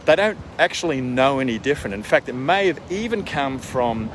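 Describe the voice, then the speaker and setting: Male coach, conversational and emphatic, medium pitch, recorded outdoors with strong wind and water noise. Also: expressive, fairly quick. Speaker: wellness coach for executives. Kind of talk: casual spoken advice vlog. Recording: windy outdoor mic, boat and water noise.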